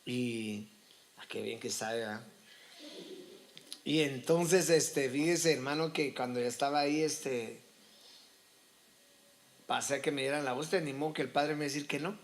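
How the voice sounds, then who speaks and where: A man's voice: mid-range voice, a little slow, long pauses. A male pastor preaching a sermon, telling his story and calling listeners brother. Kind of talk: sermon testimony.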